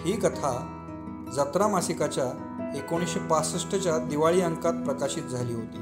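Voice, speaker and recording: A man reading a comic story aloud as scripted narration, with a lively, expressive delivery. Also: a little high, normal speed, loud music behind the voice. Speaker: story reader.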